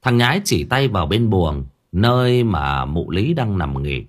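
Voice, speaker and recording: A man narrating a serialized novel for an audiobook in an expressive storytelling manner. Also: low voice, a little slow.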